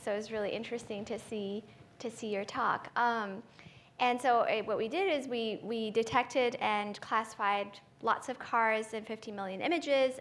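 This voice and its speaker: A woman from Ethiopia, an AI researcher, speaks as a panelist at a conference forum in a conversational panel talk. Her medium-pitched voice is a bit bright, and she thinks aloud with many fillers and restarts, ending points with "right?".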